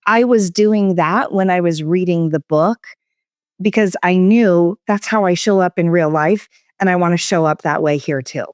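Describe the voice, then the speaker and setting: Smooth-voiced woman, lively and expressive. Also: on the low side, moderate pace, dry recording. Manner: varied, expressive inflection. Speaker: guest expert. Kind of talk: conversational interview. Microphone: studio microphone.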